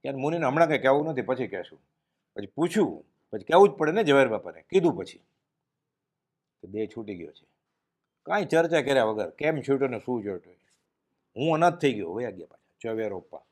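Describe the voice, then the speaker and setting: A man giving a devotional discourse, telling stories and dropping his voice low and quiet at solemn moments. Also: very animated, brisk, long pauses. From Gujarat, India. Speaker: spiritual speaker giving a discourse.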